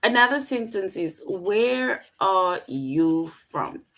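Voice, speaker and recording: A woman's voice: medium pitch, sing-song, slow, a bit bright. A woman teaching an online English lesson to young children, patient and repetitive, often checking in with "right?".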